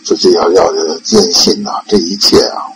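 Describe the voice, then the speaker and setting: A man's voice: sits low, wildly swooping pitch, normal speed, slight background noise, low-quality recording. An older man giving an informal Buddhist dharma talk, rambling with repeated words and fillers. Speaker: Buddhist lay teacher.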